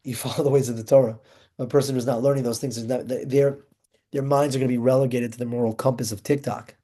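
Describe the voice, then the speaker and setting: Young male Torah teacher: excitable, emphatic delivery, mellow, darker tone. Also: medium pitch, fast talker. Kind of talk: informal Torah class.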